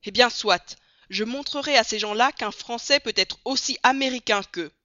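A reader voicing an excitable young French manservant in an audiobook, speaking up insistently and trying to finish his sentences. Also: medium pitch, moderate pace, no echo, pitched above the performer's own voice, lightly acted. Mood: indignant. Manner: raised, insistent, keeps getting cut off. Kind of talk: audiobook character voice. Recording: dry, dull lo-fi read.

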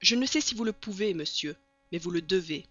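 A reader voicing a calm, resolute English gentleman who speaks in a cool, measured way in an audiobook. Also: mid-range voice. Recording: dull lo-fi recording.

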